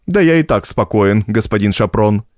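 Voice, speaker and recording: A man's voice: on the low side, animated, moderate pace, a little mellow, no echo, clean studio sound, close to an everyday voice. A man voicing a hulking former postmaster, blustering and sarcastic while scared. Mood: defensive.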